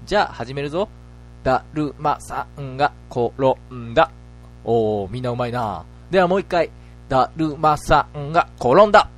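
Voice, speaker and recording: A man's voice: mid-range voice, sing-song, quick pace, hardly any pauses, faint music behind, voice pushed down. A man doing a flustered schoolteacher. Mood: teacherly. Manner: bossy, then baffled. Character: flustered male schoolteacher leading a game.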